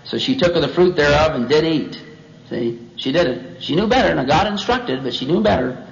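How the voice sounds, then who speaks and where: Male Bible teacher, high voice, folksy, chatty, on a dull lo-fi recording. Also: animated, a little fast, gravelly. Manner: chatty, joking asides. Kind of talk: folksy sermon.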